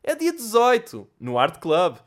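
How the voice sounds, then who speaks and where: A man putting on the voice of a loud, theatrical male promo announcer. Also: huge pitch swings, measured pace, heavily acted. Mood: hammy. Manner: booming, overblown and theatrical.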